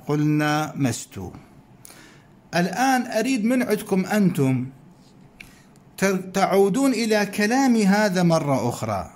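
A man teaching a grammar lesson, explaining slowly, repeating each point and putting questions to his students. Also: high voice. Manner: slow, repeats points, asks questions of listeners.

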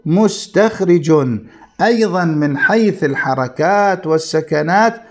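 A male grammar teacher with a somewhat high voice lectures at an unhurried pace. He spells out each point deliberately and repeats terms for his class. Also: animated, darkish tone, a little hiss or hum. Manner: slow, deliberate explaining with repetition, addressing students.

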